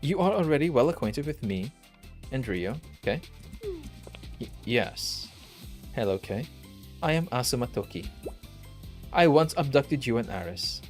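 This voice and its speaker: A deadpan, formal android girl from a game story, read by a man. She speaks in an even, low-key tone, with faint music behind the voice. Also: measured pace, pauses often. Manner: flat, formal, deadpan delivery.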